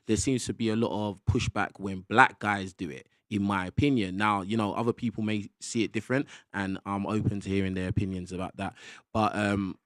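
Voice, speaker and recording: A man's voice: lowish voice, no echo, clean studio sound. A young man hosting a casual podcast panel, who keeps tagging his sentences with "yeah?". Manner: chatty, tags sentences with "yeah?". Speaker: podcast host.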